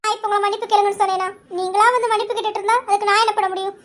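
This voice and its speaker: A woman playing a sharp-tongued, stubborn young wife in a comic couple skit, scolding with indignant quick retorts. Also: very high-pitched, level tone.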